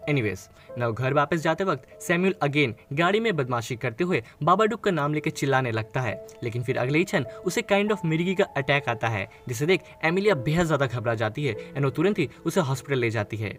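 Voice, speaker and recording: A man tells a film's story as a scripted recap, his voice sitting a little above the usual male range. He moves steadily from scene to scene and slips English phrases into his sentences. Soft music plays faintly underneath. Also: fairly high pitch, animated, fairly quick, few pauses. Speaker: movie recap narrator. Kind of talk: scripted movie recap narration.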